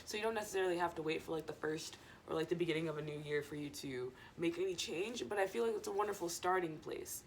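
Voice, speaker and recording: Casual female vlogger, low-pitched, loose rambling stoner delivery, noisy recording. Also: quick pace, few pauses. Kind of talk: casual chat to viewers.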